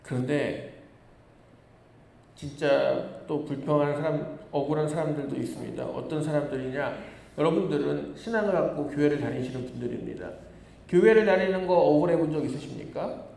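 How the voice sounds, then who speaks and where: A man's voice: fairly high pitch, fairly quick, gravelly, warm tone. A male pastor preaching a sermon, telling the story with animation and acting out the complaints of the people in it. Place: church sanctuary. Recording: echoey church hall reverb.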